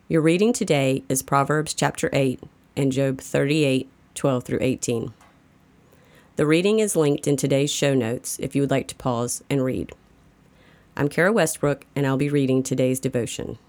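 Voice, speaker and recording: A woman narrates a daily faith reading, delivering a prepared devotional reflection as a scripted reader. Her voice sits low with a darkish tone, at an ordinary pace and moderate tone.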